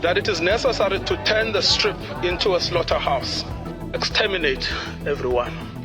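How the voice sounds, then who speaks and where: A man presenting a formal legal argument in court, solemn and measured. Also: high-pitched. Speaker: lawyer addressing a court. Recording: music bed under the voice.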